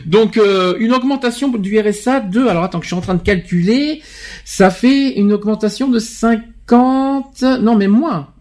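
A man's voice: sits high, takes it slowly. A man hosting a podcast, talking emphatically in a casual chat and often restarting his words. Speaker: podcast host.

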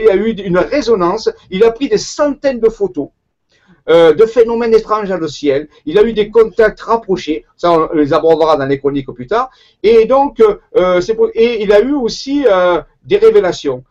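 A man with a warm southern French Marseille accent talks through an interview in a fairly high voice. He hesitates often, circling back and restarting his sentences. The recording sounds dull and lo-fi. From Marseille, southern France. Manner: hesitant, many fillers and restarts. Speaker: guest researcher. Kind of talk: conversational interview.

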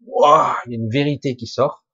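Husky-voiced man in an informal spiritual talk. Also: medium pitch, fairly even intonation, bright, forceful tone, no echo, dull audio. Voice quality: husky, rough voice. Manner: halting and emphatic, with colloquial swearing and sound-effect words. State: coughing now and then. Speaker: spiritual teacher answering listeners' questions live.

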